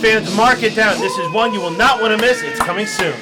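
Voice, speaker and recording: A man's voice: high voice, brisk, loud music behind the voice. A man doing live play-by-play commentary at a wrestling show.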